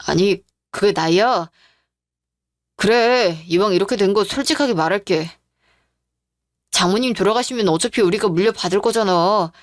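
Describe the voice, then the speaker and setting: A woman's voice: mid-range voice, normal speed, long pauses, no echo, close to an everyday voice. Woman doing a shifty husband guy making excuses, dry audio drama voice. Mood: defensive. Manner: defensive, brushing off blame. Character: scheming husband, evasive and self-justifying. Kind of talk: radio drama acting.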